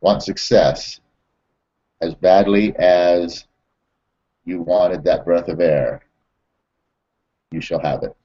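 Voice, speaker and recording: A man voicing a calm old male shaman, slow and solemn, within a told story. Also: deep voice, muffled recording.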